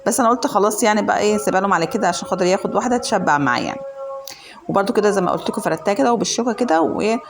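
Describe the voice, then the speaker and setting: A woman with an Egyptian Arabic accent, slightly hoarse from a cold, chatting to viewers as she walks them through a home cooking recipe. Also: mid-range voice, animated, rapid-fire. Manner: chatty, addresses viewers directly, lots of fillers. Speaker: home cooking channel host. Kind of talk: casual cooking tutorial. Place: home kitchen.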